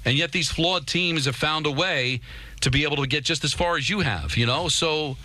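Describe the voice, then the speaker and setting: A man's voice: on the high side, moderate pace, pushed and bright, dry recording. A man co-hosting a sports talk radio show, arguing emphatically with repeated starts and rhetorical questions.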